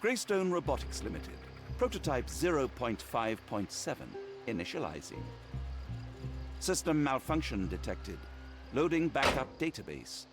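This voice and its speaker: An actor playing a polite, old-fashioned male robot archaeologist with a British accent, booting up and reciting his startup system messages in a stiff, measured way. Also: mid-range voice, sing-song. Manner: announces each startup step in a measured, stiff tone. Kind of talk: video game voice acting. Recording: distant game audio over music. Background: game music.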